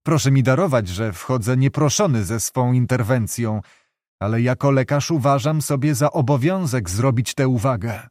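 A man voicing a polite young doctor who speaks courteously and gently admonishes. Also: medium pitch, lively intonation, moderate pace, no room sound, studio quality, close to an everyday voice. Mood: concerned. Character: earnest young male doctor, polite and concerned.

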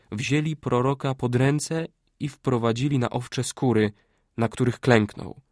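A man narrates an adventure novel at an even, unhurried pace. His mid-range voice is close to the mic. The recording is dry with no room sound. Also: mid-range voice, dry recording. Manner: measured, unhurried storytelling. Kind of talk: scripted audiobook narration.

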